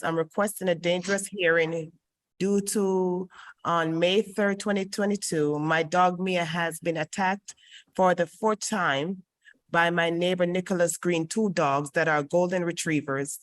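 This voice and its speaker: A woman with a slightly low voice chairs a public board hearing, heard over an online group voice call. Her delivery is formal and procedural, dotted with ums and small restarts as she moves through the agenda. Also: fairly even intonation, unhurried. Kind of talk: formal meeting chairing and reading into the record.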